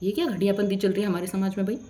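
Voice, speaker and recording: A woman's voice: medium pitch, rapid-fire, dark tone. A young woman telling a storytime vlog in a heated, indignant rant. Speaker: vlogger.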